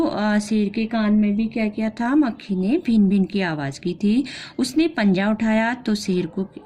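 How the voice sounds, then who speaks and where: A woman's voice: mid-range voice, dark tone. A woman teacher explaining a storybook lesson to young children, repeating lines, asking the class questions and mixing English classroom phrases into her Hindi. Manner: acts out the lion's roars and the fly's retorts as she reads. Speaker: primary school teacher.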